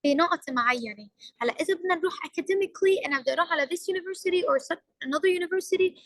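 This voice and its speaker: A woman's voice: very high voice, fast, dry recording, rough recording. A young woman with a Levantine Arabic accent, giving a workshop lecture as a trainer and mixing English phrases into her Arabic with emphatic stresses.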